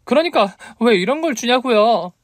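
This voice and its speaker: Brief: man voicing a prickly young woman, raised pitch, dry close sound. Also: expressive, unhurried, a little mellow, no room sound. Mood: indignant. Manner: indignant, exasperated questions. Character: flustered young woman, quick to snap. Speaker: story reader.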